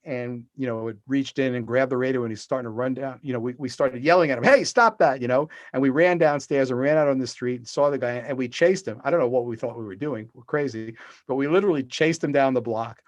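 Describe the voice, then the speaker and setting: A middle-aged man, an author appearing as a podcast guest over a video call, tells long rambling stories full of fillers and restarts. His voice sits at medium pitch with a steady, slightly mellow tone, and he talks fast. The recording is dry.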